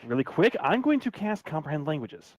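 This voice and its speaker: Young man player with quick asides. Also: fairly high pitch, very animated, no room sound, muffled recording. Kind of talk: casual tabletop game talk.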